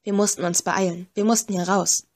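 A woman narrating a first-person audiobook with measured, tense storytelling. Her voice sits at a middle pitch for a woman. She reads steadily through the scene. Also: steady tone, a little mellow.

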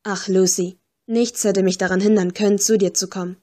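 A woman voicing a calm, gentle young male ghost who speaks quietly and clearly. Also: mid-range voice, moderate pace, lightly acted. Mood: sad calm. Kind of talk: audiobook character voice.

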